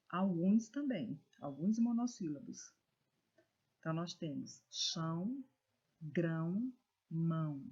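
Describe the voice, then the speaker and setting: A Brazilian woman teaching a recorded class for children. Her voice is mellow and a little husky, and she reads words slowly, leaning hard on the stressed syllable. The sound is dull and lo-fi. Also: lowish voice. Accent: Brazilian Portuguese. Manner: slow, careful, stresses syllables when reading words aloud. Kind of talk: recorded video lesson for children.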